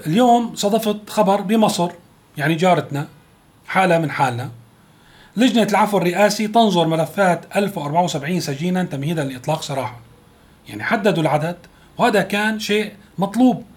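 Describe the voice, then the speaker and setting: Fast-talking Syrian man commenting on news. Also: high voice, expressive. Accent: Syrian Arabic. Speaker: political commentator.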